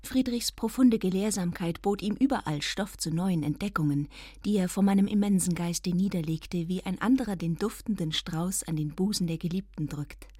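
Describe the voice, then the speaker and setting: A woman's voice: on the low side, moderate pace, dark tone, dry recording, clean studio sound. Woman reading with ironic theatrical flair. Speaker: reader. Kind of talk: literary reading, first-person narration.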